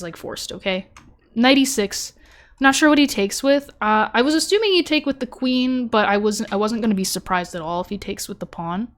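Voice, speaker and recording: A young woman streaming, chatting casually as she reviews her tournament chess game, thinking aloud with lots of fillers and self-deprecating asides. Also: mid-range voice. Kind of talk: casual live-stream commentary.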